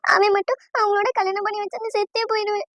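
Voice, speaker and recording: A woman's voice: flat delivery, quick pace, a bit bright, no room sound. A woman voicing a young bride-to-be in a cartoon, tearful and devoted, with emotional, pleading speech. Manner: pleading, emotional, high-pitched. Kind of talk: cartoon voice acting.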